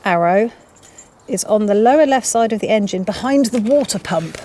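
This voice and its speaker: A woman's voice: medium pitch, animated, normal speed, dark tone. A chatty woman talks as she works on her motorbike in a home garage. She reads instructions aloud and pokes fun at herself. A faint noise hums in the background. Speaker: motovlogger. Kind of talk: casual chat while working on a motorbike.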